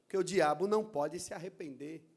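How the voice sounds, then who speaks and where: A man with a Brazilian Portuguese accent, preaching a sermon as pastor in a church, deliberate and emphatic. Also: a little high, a little mellow.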